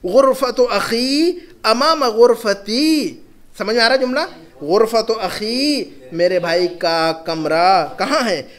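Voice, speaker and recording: A man with an Urdu accent leads a language class, his voice pitched high and his delivery slow. He repeats each phrase patiently and checks that his students follow. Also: lively intonation, fairly bright tone. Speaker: Arabic teacher. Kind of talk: classroom lesson.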